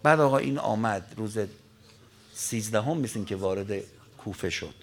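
A man with a gravelly, creaky voice delivers an emotional sermon in the manner of a dramatic storyteller. His voice leaps high and loud at the tense moments, then sinks to a low, quiet murmur. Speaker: preacher.

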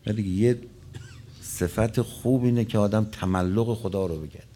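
Low-voiced preacher giving a sermon. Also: male voice, mellow, slight background noise. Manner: storytelling with Arabic quotations, voice rising and dropping. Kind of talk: religious sermon.

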